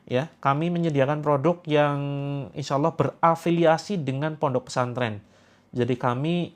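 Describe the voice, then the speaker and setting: A man hosting a live religious therapy stream, chatting playfully with viewers, reading their comments aloud and laughing often. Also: medium pitch. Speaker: host of a live Quranic therapy session. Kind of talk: casual livestream chat reading viewer comments.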